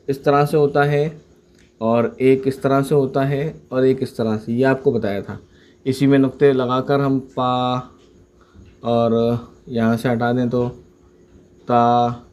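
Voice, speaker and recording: A man from India teaching a step-by-step Urdu writing lesson. His voice sits a little high, and he spells each letter and sound out slowly and patiently.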